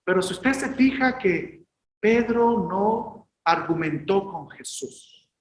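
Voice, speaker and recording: A male pastor delivers a sermon in slow, deliberate phrases, pressing his points with emphasis and now and then rising to a shout. His voice echoes around a roomy space. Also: high-pitched, animated, slight background noise. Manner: emphatic, rises to shouted exhortations.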